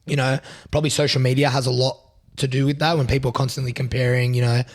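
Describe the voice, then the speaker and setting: A man in his twenties with a hoarse, raspy voice, talking earnestly and reflectively in a casual podcast chat, with lots of "you know" fillers. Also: medium pitch, flat delivery, fast talker. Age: 20s. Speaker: podcast co-host.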